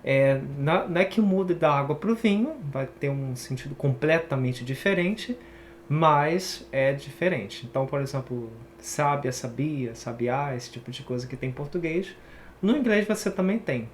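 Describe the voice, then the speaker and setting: A man's voice: a little high, normal speed, slight background noise. A man from Brazil teaching an online English pronunciation lesson, casual and chatty, explaining while he writes on screen.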